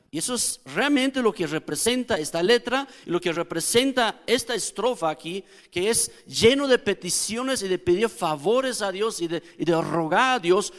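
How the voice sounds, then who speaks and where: A man's voice: high voice, a bit bright. A man preaching a teaching sermon as pastor, explaining step by step and often checking in with his congregation. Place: church hall. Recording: long hall reverb.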